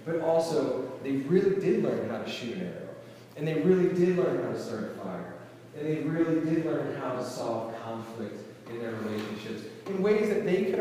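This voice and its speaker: Hesitant camp director in echoey hall. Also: male voice, fairly high pitch, dark tone, slight background noise. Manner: hesitant, many fillers and restarts. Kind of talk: speech to an audience. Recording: roomy hall, distant mic, faint ambience.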